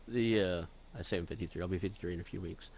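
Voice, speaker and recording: A man in his fifties hosting a podcast interview, asking questions haltingly with many restarts. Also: deep voice, darkish tone, slight background noise. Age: 50s. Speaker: podcast host.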